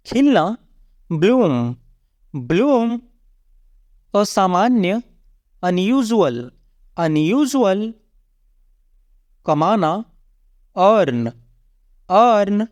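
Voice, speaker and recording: Vocabulary teacher, very slow deliberate drill reading, even and measured, dry close sound. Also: mid-range voice, no room sound.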